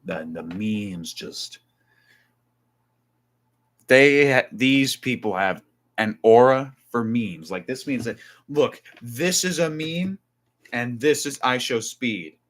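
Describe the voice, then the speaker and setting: A man's voice: mid-range voice, animated, takes it slowly, a bit bright. A man from New Jersey chatting casually on a live stream, rambling with restarts and asides while reading definitions aloud.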